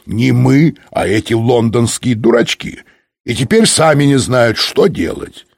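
A man's voice: medium pitch, very animated, a little slow, gravelly, darkish tone, husky, no echo, clean studio sound, exaggerated voice. A man voicing an irritable, restless male inspector who speaks with agitated indignation, in a spoken story. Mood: indignant.

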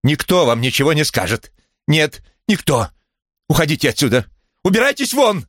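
A woman's voice: low-pitched, big pitch swings, moderate pace, dry recording, clean studio sound, pitched above the performer's own voice. A man voicing a distraught woman who trembles and screams at a visitor to get out. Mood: furious. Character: distraught woman shrieking at an intruder.

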